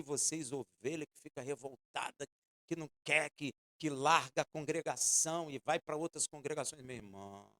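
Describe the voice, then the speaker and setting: A man with a Brazilian accent preaching a sermon, animated and dramatic, often calling on his listeners for an amen. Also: medium pitch, gravelly. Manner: animated and dramatic, acts out quoted voices; asks the congregation for "Amen?" responses.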